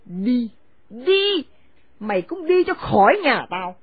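A high, wildly swooping old matriarch spits insults in a rage, as a woman puts her on. The voice comes across dry and thin, as if over a phone line. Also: very animated, slow, husky, no echo, exaggerated voice. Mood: furious scolding. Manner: screaming insults, shrill and scornful. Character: furious elderly mother-in-law, harsh and domineering. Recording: dry, phone-like narrow sound.

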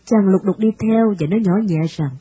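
A woman reading a classic novel aloud in a steady, measured storytelling manner. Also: mid-range voice, husky, no room sound. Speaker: narrator. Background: faint music.

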